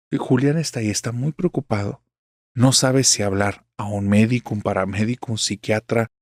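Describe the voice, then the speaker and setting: A man's voice: lowish voice, no echo, studio quality. A man narrating a horror story in a chatty way, speaking straight to the listener. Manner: chatty, addresses the listener directly.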